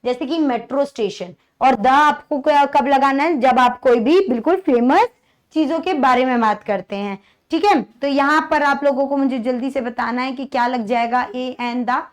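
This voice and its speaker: A young Indian woman teaching an English exam-prep lesson to children, drawing out example sentences and checking understanding with repeated questions. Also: sits high. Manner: slow, drawn-out reading of example sentences; repeats "thik hai" often, coaxing questions to the class.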